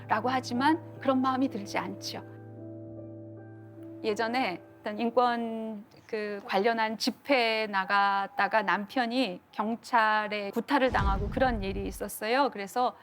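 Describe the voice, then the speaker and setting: A woman's voice: on the high side, fairly even intonation, unhurried, fairly bright tone, faint music behind. A middle-aged woman lecturing to an audience, telling stories earnestly and acting out the quotes. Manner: earnest storytelling with acted-out quotes.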